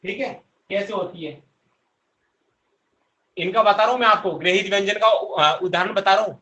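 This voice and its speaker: A man's voice: high-pitched, normal speed, bright, forceful tone, lo-fi sound. A male teacher giving an online class, quizzing students with repeated questions and answering them himself. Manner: answers his own questions.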